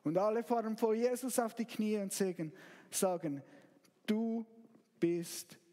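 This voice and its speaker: A male pastor preaching a sermon that retells a story as a slow, dramatic narration, with sudden loud outbursts. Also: high voice, long reverb tail.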